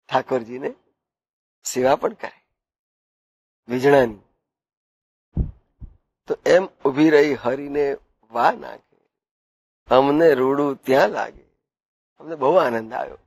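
Slow and often pausing, a man with a medium-pitched, slightly mellow voice and a breathy edge gives a devotional sermon with no echo. He weaves in stories and poses questions to those listening.

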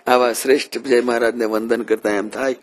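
A man giving a devotional sermon, earnest and reverent. His voice sits at an ordinary male pitch, and he slows down deliberately when reciting verses. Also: level tone. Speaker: spiritual preacher.

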